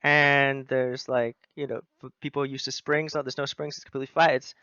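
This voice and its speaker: A man's voice: mid-range voice, flat delivery, brisk, pushed and bright, clear, resonant tone, no room sound. A man from Wales hosting a casual video interview, talking hesitantly with lots of fillers and restarts. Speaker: host. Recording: dull lo-fi sound.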